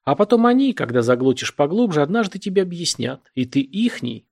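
A man reading a novel aloud, voicing a drunk man who is fawning and sly, in a raised husky voice. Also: on the high side, sing-song, fairly quick, a little mellow, voice pushed up, exaggerated voice. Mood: insistent.

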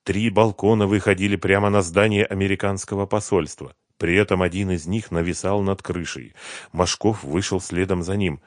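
A man narrating a thriller novel in a steady, measured read. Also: low voice, no echo, clean studio sound. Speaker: audiobook narrator.

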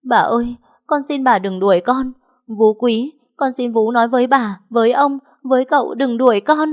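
A woman's voice: on the high side, moderate pace, voice pushed up, lightly acted. Woman putting on a wailing young maid. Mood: pleading. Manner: wailing, begging. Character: scheming young maid, tearful and pleading.

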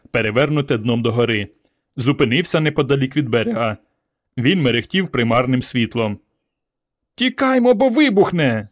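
A man narrating a story in a steady, scripted audiobook reading. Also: mid-range voice.

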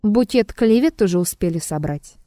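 A woman voicing a calm, aloof man in an audiobook, answering coolly and dryly. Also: a little high, moderate pace, no room sound. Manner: calm and dry.

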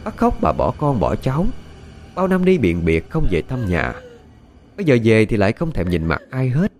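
A man narrating a ghost story in a measured, animated storytelling delivery. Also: medium pitch. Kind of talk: scripted horror story narration. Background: faint music.

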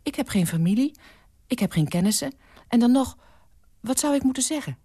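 A woman reader voicing a timid but stubborn older housekeeper who speaks in high, clipped replies. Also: animated, a little fast, dark tone, slightly rough, no room sound, studio quality. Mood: reluctant.

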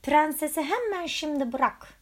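A woman's voice: high-pitched, normal speed, close to an everyday voice. Sir Green Spot, a woman doing a blustering little frog knight. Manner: blustering, shouting threats. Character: tiny brave boastful male frog knight.

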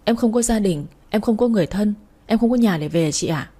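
A woman voicing a meek young wife who pleads softly. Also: medium pitch, animated, brisk, husky.

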